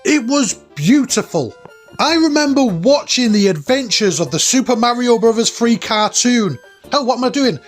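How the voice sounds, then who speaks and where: A man in his late 30s to early 40s hosts a retro gaming countdown, recorded indoors in a cabin with faint music underneath. His fairly high voice has lively intonation and a moderate pace. The scripted commentary is enthusiastic, emphatic, nostalgic, and informal, with mild swearing.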